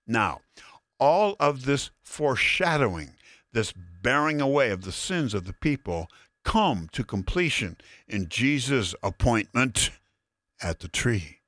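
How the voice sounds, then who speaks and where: Guy preaching a sermon, measured and emphatic, mid-pitch voice, dry close sound. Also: very animated, a bit bright, dry recording. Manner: deliberate, emphatic Bible exposition. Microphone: broadcast sermon addressing listeners.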